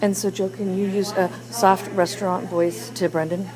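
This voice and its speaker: Woman teacher, classroom discussion, coaxing, lots of questions, middle pitch. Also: level tone, normal speed, crowd noise, low-quality recording.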